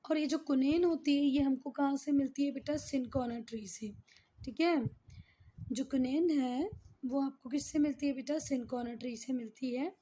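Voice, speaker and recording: Teaching geography in Hindi sprinkled with English terms, this woman has a high, dark voice, fairly even intonation, and a normal speed. She repeats the key words and affectionately tests her students.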